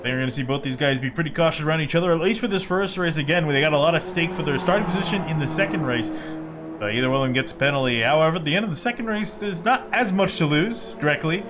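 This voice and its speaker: A man's voice: a little high, expressive, quick pace, over music. A man giving conversational, analytical motorsport commentary on a live sim race.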